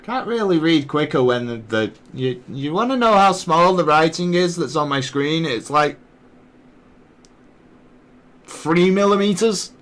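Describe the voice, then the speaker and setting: A man's voice: fairly high pitch, animated, a bit bright. A young British man hosting a podcast in casual chat, reading from the live chat and often restarting his sentences. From Britain. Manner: rambling, reads slowly with restarts. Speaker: podcast host.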